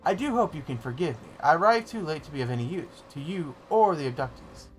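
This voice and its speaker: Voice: medium pitch, expressive, quick pace, soft background music, voice pushed up, lightly acted, poor audio. A streamer voicing a suave, roguish male adventurer from a fantasy game, reading dialogue aloud in a theatrical, old-fashioned way. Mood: wry, flattering.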